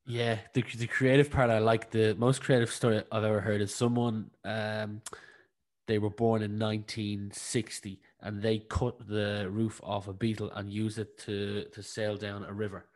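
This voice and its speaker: A man's voice: fairly low pitch, flat delivery, normal speed, darkish tone. A man, interviewing conversationally as a podcast host.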